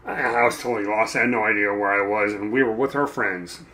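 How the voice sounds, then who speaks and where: A man's voice: lowish voice, steady tone, quick pace, bright, forceful tone. Casual chatty man with a dry throat. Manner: rambling, self-deprecating, stops to clear his throat. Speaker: mini painting streamer. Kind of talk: casual chat while painting.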